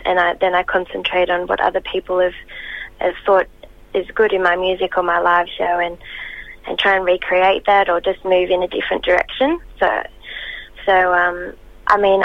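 A woman touring as a singer, talking over the phone in a casual interview, hesitant with many ums and restarts. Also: mid-range voice. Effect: heard over the phone. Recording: muffled dry phone line.

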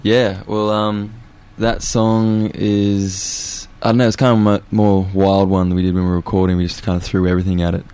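A man, a musician guest in a radio studio, relaxed and often laughing. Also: lowish voice, normal speed, few pauses, smooth. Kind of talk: casual radio chat.

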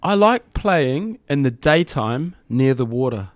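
A man's voice: mid-range voice, sing-song, slow, no room sound. A middle-aged man speaks with a broad New Zealand accent. He chats casually as an interview guest, with loose, rambling phrasing. The sound is dry, with no room around the voice. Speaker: hip-hop DJ and MC, interview guest. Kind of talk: casual studio interview chat. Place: studio.

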